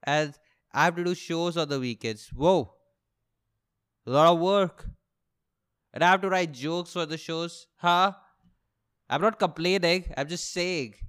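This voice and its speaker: Speaking a little slowly and leaving long pauses, a young Indian-accented comedy podcaster rambles on his own, complaining, swearing and putting himself down while he repeats and rephrases his points. His voice is fairly high, smooth and fairly bright.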